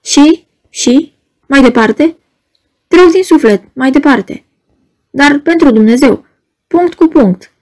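A woman reading an audiobook, voicing a nervous, gentle male hospital patient who hates noise and pleads fussily. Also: very high voice, animated, voice pushed up. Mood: eager. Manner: pleading, fussy, easily alarmed. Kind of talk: audiobook character voice.

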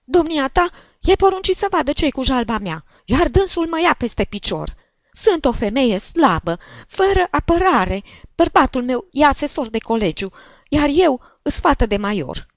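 Shrill old woman, squeaky and whining, pitch leaping wildly, dull lo-fi sound. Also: very animated, dry recording. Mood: complaining. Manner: whining, indignant, loud. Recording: dull lo-fi recording.

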